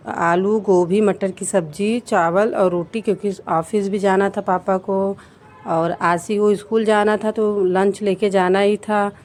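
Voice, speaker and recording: Soft, even-toned woman vlogger. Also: mid-range voice. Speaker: vlogger and mother. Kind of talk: casual vlog narration.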